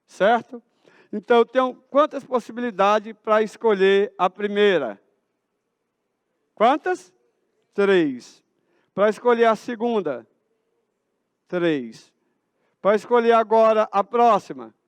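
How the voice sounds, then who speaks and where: A man with a Brazilian accent leads a math lesson in a school auditorium, asking a question and then supplying the answer. His voice sits high and his delivery is slow. The sound is close and dry. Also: expressive, clear, resonant tone, no room sound. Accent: Brazilian Portuguese. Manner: asks the class questions and answers them himself. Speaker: teacher.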